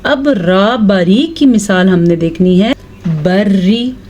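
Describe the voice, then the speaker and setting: A woman teaching Quran recitation walks her students through each rule with patience, often checking in as she goes. Her pace is slow and unhurried, and her voice sits in an ordinary middle register. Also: medium pitch, animated, darkish tone, slight background noise. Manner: patient, explains each rule step by step, checks in with "theek hai". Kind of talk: recitation lesson with slow drawn-out chanting of verses.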